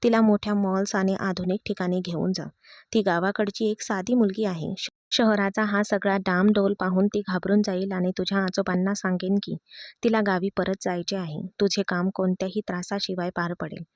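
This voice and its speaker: A woman's voice: mid-range voice, little pitch movement, moderate pace, darkish tone, no echo, close to an everyday voice. A young man coaxes his friend into a crafty plan, amused and persuasive, voiced by a woman reading the story. The sound is dry and close. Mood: plotting. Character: young man, scheming friend giving advice.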